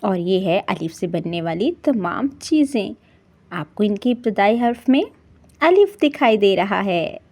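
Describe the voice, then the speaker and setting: Slow-paced woman teaching young children. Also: mid-range voice, expressive, mellow. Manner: slow, drawn-out sounding of letters and words. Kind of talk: children's lesson narration.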